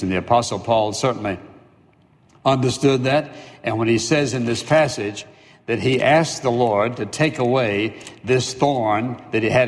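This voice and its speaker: Man preaching in an echoing hall. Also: mid-range voice. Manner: animated preaching, acting out imagined prayers. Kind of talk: sermon.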